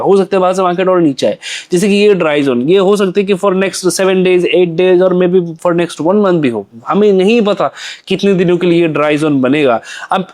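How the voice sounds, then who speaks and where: A young man with a high voice and a darkish tone teaches a lesson on trading charts. He poses questions and answers them himself, repeating phrases to drive points home.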